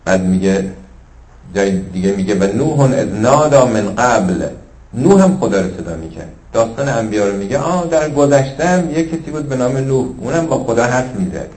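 A man's voice: mid-range voice, lively intonation. Fervent male preacher with a roomy echo. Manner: shifts between fervent raised passages and hushed asides, slowly intoning scripture. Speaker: religious lecturer. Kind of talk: sermon.

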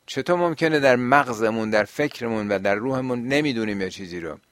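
A man's voice: mid-range voice, fairly bright tone, dry recording. A man teaching and answering listeners' questions on religion, explaining at length and often asking rhetorical questions.

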